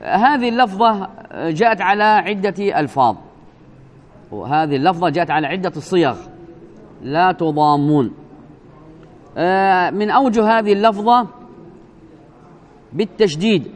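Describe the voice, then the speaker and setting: A man giving a religious lesson, speaking deliberately, repeating words, spelling out pronunciations and asking the listeners rhetorical questions. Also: high voice. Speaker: religious teacher. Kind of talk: religious lesson explaining a hadith.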